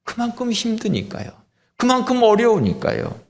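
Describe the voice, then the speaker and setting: A man's voice: extremely high pitch, wildly swooping pitch, moderate pace, vocal fry. A male pastor preaching a sermon emphatically, with rhetorical questions to the congregation.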